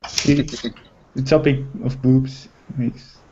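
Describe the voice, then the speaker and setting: A man chats casually on a group video call and makes dry, matter-of-fact remarks at a middle pitch. The call audio sounds dull and lo-fi, with a faint hiss in the background. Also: flat delivery, slow. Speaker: hangout participant.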